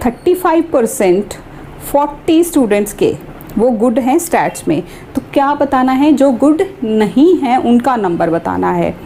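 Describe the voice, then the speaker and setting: A woman math teacher, explaining each step slowly and carefully in a classroom-style lesson. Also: sits high, dark tone, a little hiss or hum. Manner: slow, deliberate explaining, mixing English terms into Hindi.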